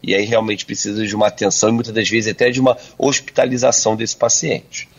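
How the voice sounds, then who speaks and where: A urologist with a fairly low, flat voice answers radio interview questions over a landline phone. He speaks haltingly, with many filler sounds, stops and restarts. The phone line sounds dull and lo-fi.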